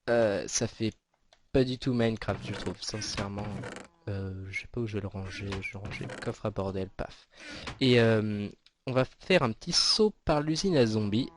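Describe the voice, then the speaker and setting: A man's voice: lowish voice, a little hiss or hum. A man giving casual, rambling commentary over his own gameplay, with many fillers and restarts. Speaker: gaming video host.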